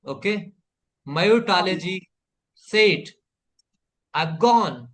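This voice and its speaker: A man's voice: high voice, expressive, very slow, a bit bright. A man teaching a live online spoken English class, patiently repeating phrases for learners to echo and praising students by name.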